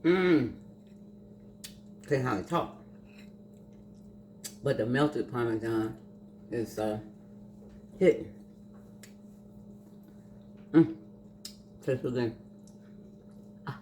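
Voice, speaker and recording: A woman's voice: very deep voice, very slow, pauses often, a little mellow, a little hiss or hum. An older woman chatting through a casual home cooking vlog, savoring her food with hums. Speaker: cooking vlogger. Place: home kitchen. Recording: echoey kitchen with clattering dishes.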